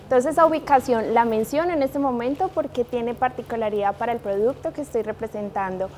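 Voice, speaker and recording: Colombian woman in her thirties, interview guest, fairly high voice, light hiss behind. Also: brisk, a little mellow. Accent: Colombian, from Manizales. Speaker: guest, liquor brand manager. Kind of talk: interview conversation.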